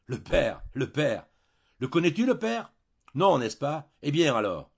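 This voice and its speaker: A man playing an irritable young husband who shouts in exasperation, on a dull lo-fi recording. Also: on the low side, sing-song, fast talker, breathy edge, exaggerated voice. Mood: furious.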